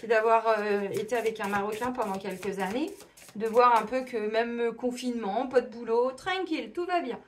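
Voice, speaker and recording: A middle-aged woman doing a casual oracle card reading, chatty and animated, acting out little imagined dialogues. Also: fairly high pitch, normal speed, a little hiss or hum. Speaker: tarot and oracle card reader.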